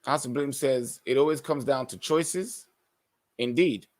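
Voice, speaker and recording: This male podcast host works through viewer comments, giving sincere, opinionated replies and sometimes starting a line over as he reads. He talks in a mid-range voice at an unhurried pace.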